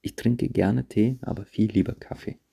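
Man, podcast host, low gravelly voice, husky, reflective monologue with restarts. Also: steady tone, warm tone. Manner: reflective, halting, repeats phrases. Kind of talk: personal monologue to listeners. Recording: handheld phone, voice drifts off-mic at times.

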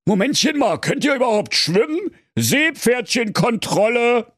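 A man's voice: very high-pitched, very animated, unhurried, a bit bright, no room sound, clean studio sound, pitched above the performer's own voice, exaggerated voice. A man voicing a wolf disguised as a lifeguard, barking orders officiously.

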